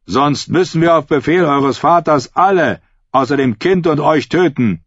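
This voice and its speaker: Man doing a cold guard captain, slow commands, dry husky sound. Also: fairly high pitch, dry recording, pitched above the performer's own voice. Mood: threatening. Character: stern male guard captain. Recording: slightly dull lo-fi recording.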